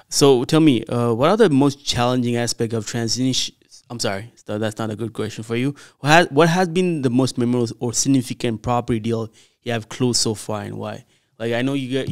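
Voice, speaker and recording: A man from Quebec hosting a podcast, asking questions in a halting way with many restarts. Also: mid-range voice, creaky. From Quebec, Canada. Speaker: podcast host, interviewer. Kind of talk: casual interview questions.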